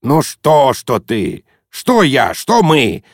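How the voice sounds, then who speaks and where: A man voicing a brash, overfamiliar man who teases and shouts in bursts, in an audiobook reading. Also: mid-range voice, animated, unhurried, vocal fry, dry recording, studio quality, voice pushed up. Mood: cheeky, brash. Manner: boisterous, teasing, shouty bursts. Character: brash overfamiliar loud man, mocking, pushy.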